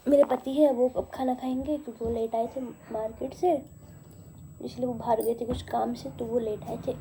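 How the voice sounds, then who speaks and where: A woman vlogging casually on a handheld phone at home and on the rooftop. She talks fast and rambles chattily. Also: a little high, warm tone, a little hiss or hum. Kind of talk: casual home vlog chat. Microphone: handheld phone camera.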